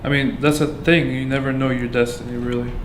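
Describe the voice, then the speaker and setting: A man from Afghanistan giving a candid account as a patient, halting and full of fillers and restarts. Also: medium pitch, flat delivery. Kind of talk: candid personal testimony. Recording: echoey room with background noise.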